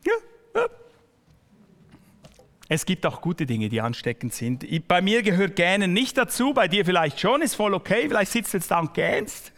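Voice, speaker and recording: Preaching to his congregation, a male pastor addresses the listener directly and personally, frequently slowing and sinking nearly to a whisper to stress a point. His voice is high-pitched, animated and slightly bright, with a long reverb tail.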